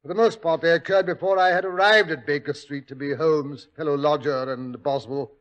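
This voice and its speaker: An actor playing a genial, chatty old English doctor with a British accent and a fussy storyteller's manner in a 1940s radio drama. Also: male voice, fairly high pitch, steady tone, fairly quick, fairly bright tone, lightly acted. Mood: mock indignant. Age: older.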